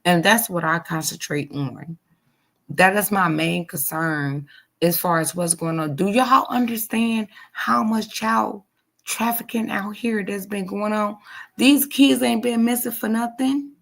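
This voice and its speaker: Slow, gravelly woman in her forties. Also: mid-range voice, fairly bright tone. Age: 40s. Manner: emphatic and repetitive, addressing viewers directly. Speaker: livestream host. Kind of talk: casual live chat to supporters.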